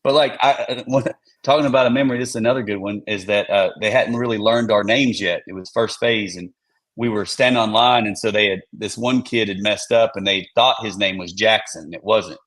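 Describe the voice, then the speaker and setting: A male veteran telling boot camp memories in casual chat, an animated storyteller. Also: fairly low pitch, brisk. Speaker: Marine veteran guest.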